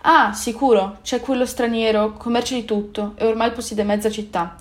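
A woman's voice: a little high, fairly even intonation, moderate pace, close to an everyday voice. A woman voicing a kindly old man in a storybook, fatherly and reassuring. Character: kindly old island man, gentle host.

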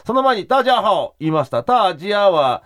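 A man teaching simple Chinese phrases in a relaxed, casual radio lesson, drawing out syllables as he demonstrates them. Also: high-pitched, measured pace, no echo, clean studio sound.

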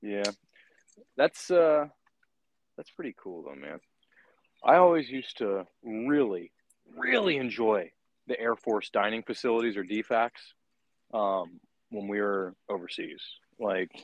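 A man's voice: on the low side, very animated, unhurried, long pauses, no echo, highs cut off. A man hosting a casual interview, talking in long, rambling turns and checking in with the guest as he goes. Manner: rambling, keeps checking in with "right?". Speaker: podcast host.

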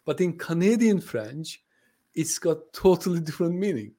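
Warm and animated, this slightly high male voice moves at normal speed. Its owner, a Turkish-born native speaker of Turkish living in the UK, heads a translation company and is guesting on a podcast, where the conversational interview shows him friendly yet hesitant, peppered with fillers and restarts.

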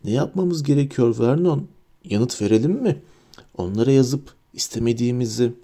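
Nervous fussy aunt with a shaky voice, done by a male reader, higher than his usual, audiobook. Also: expressive, moderate pace, dark tone. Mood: anxious. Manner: shaky, anxious.

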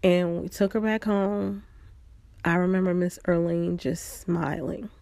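Gravelly-voiced woman recounting a memory. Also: fairly low pitch, steady tone, warm tone, dry recording. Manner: reflective, unhurried, pausing often. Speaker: storyteller. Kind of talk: personal storytelling.

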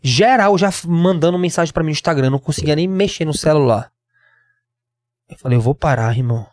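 A man in his twenties with a Northeastern Brazilian accent, telling his story as a podcast guest, slangy and animated, acting out what others said. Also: on the high side, a little fast, no room sound. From Pernambuco, Brazil. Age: 20s. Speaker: guest, MMA fighter.

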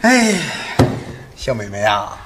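A man's voice: on the low side, wildly swooping pitch, slow pace, music in the background, full character voice. An actor playing a sly male mountain bandit who poses as a waiter, speaking, wheedling one moment and menacing the next. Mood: gloating. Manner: wheedling, then swaggering and menacing. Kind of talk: sitcom acting.

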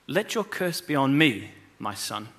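Man reading firm scheming mother, calm, bright voice. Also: medium pitch, a little slow.

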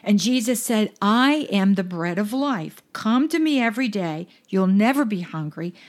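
Woman minister, mid-pitch, earnest scripture reader who slows for emphasis. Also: animated. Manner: earnest, slows down to stress verses. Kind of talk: reading and explaining scripture.

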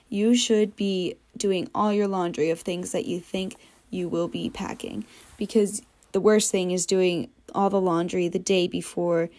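A woman's voice: on the low side, a little mellow. A young woman from New England hosting a casual solo podcast, chatty and full of jokey asides. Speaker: podcast host.

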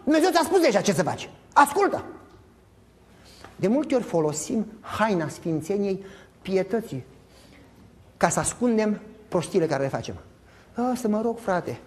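Un pastor de vârstă mijlocie care predică animat, cu întrebări retorice către adunare și replici jucate. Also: male voice, high-pitched, long pauses. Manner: animated, emphatic preaching with acted-out dialogue; addresses congregation directly with rhetorical questions. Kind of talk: sermon.

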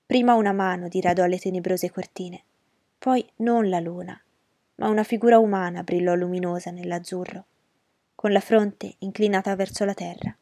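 First-person heroine narrator, woman; measured, emotional delivery, warm tone, dry studio. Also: on the low side, steady tone, no room sound.

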